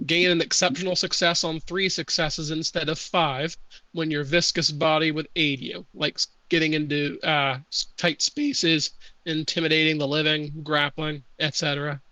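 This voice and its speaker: Game master guy, slow halting narration, kinda high bright voice. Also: no echo, poor audio. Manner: slow, measured, with hesitant pauses. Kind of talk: reading rules and narrating a tabletop game.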